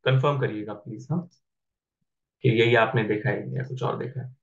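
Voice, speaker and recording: A patient Arabic grammar teacher runs an online lesson, stopping to ask his students if they understand. He has a lowish, slightly bright voice at a moderate pace, captured in a muffled recording.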